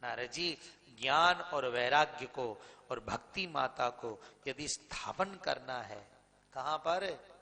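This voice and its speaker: A male preacher giving a dramatic sermon in with a tinge, slowly telling devotional stories and breaking into sung verses, his voice swelling loud at the peaks. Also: mid-range voice, animated, creaky. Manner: dramatic storyteller, slow and emphatic, swells loud when sung. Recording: reverberant hall, slightly distant.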